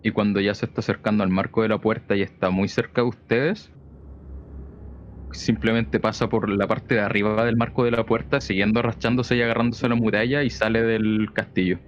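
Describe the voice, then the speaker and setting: A man with a Chilean Spanish accent narrating a tabletop role-playing game as game master, calm and measured. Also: lowish voice. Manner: calm, measured scene description. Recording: dull lo-fi mic with faint noise.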